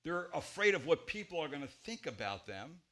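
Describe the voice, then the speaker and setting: Pastor, male, 40s, preaching from a church pulpit, bright forceful voice, big emphatic swings. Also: big pitch swings, brisk. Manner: emphatic, gesturing widely, swings between loud stresses and quiet low drops. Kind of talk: expository sermon.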